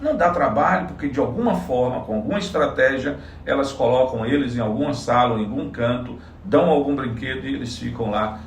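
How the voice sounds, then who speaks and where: A man's voice: medium pitch, brisk, hardly any pauses, echoey room, distant mic, slight background noise. A man from Salvador, a psychologist, giving earnest, explanatory interview answers with frequent restarts. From Salvador, Bahia, Brazil. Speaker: psychologist and political candidate.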